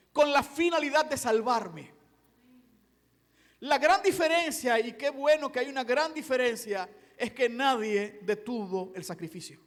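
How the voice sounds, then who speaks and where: A pastor in his forties preaching an evangelistic sermon in a church, moving between quiet storytelling and fervent preaching. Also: very high voice. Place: church sanctuary. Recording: long church hall reverb.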